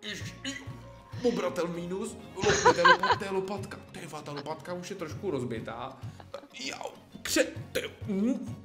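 A man's voice: sits high, loud music behind the voice. A man hosting a casual video chat, joking and teasing. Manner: jokey, teasing, lively. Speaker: host. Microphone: video call.

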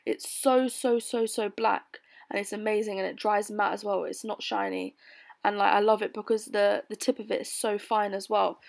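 A young adult British woman giving a casual makeup tutorial voice-over in a bored, low-energy way. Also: fairly even intonation, moderate pace, creaky. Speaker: beauty vlogger. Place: bedroom, voice-over recorded lying on bed.

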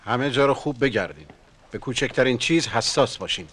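A man's voice: medium pitch, expressive, fairly bright tone, a little hiss or hum, close to an everyday voice. A man playing a commanding intelligence officer. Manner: issuing brisk orders.

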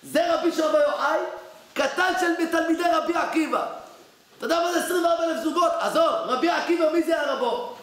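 High-voiced rabbi in an echoey hall. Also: male voice, a bit bright. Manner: storytelling, conversational, asks listeners questions. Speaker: rabbi giving a Torah class. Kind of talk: Torah lesson with anecdotes. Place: study hall in a village.

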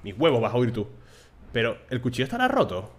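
A man's voice: mid-range voice, fast talker, a little hiss or hum. Young man streaming gameplay. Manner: casual, swears, shouts excitedly at the game. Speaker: gaming streamer. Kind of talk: live gameplay commentary.

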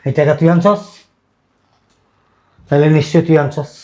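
Gruff scolding man with a high voice. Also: moderate pace, darkish tone. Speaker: father in a family drama. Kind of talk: rural Bangladeshi village drama acting.

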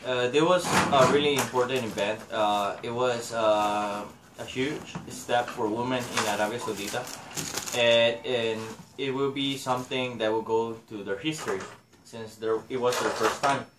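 A man's voice: mid-range voice, fairly even intonation, normal speed, noisy background. A young man gives a class presentation in English, hesitant and full of filler sounds, recorded on a laptop mic in a small room. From Honduras. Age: young adult. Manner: hesitant, many filler uhs. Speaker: student presenter. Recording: echoey room.

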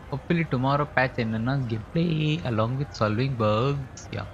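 A man's voice: medium pitch, normal speed, vocal fry. Indian guy, hindi speaker, chatting and joking on a game stream, bit muffled, faint noise behind. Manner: joking, playful boasting. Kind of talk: casual chat while gaming. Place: indoor room, streaming setup. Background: cricket game sound.

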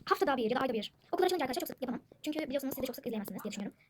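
A high-pitched young woman rattling off quick, chatty gameplay commentary and calling out to her viewers again and again. She is recorded at home, with siblings' chatter clearly audible in the background. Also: animated, slight background noise. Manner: chatty, addresses viewers constantly. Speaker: gaming channel host. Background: siblings talking in the background.

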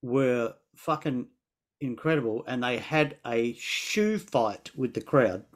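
A man's voice: mid-range voice, takes it slowly. A middle-aged Australian man hosts from a room at home over a video call, his voice sitting in a mid range. He tells stories in an easy, friendly way and keeps the talk going with frequent "yeah"s. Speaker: interview host. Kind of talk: casual interview chat.

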